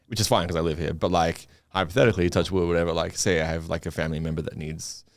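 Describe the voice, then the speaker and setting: A man's voice: sits low, steady tone, quick pace, dry recording, studio quality. An Australian man talking casually as a podcast guest, rambling with lots of fillers and restarts. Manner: rambling, many likes and restarts, swears. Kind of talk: casual chat.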